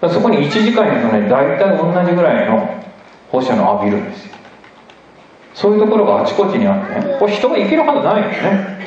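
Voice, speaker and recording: A man giving an emphatic, animated public lecture with slides, often asking the audience questions. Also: high-pitched, quick pace, a little hiss or hum. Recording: echoey hall, dull lo-fi recording.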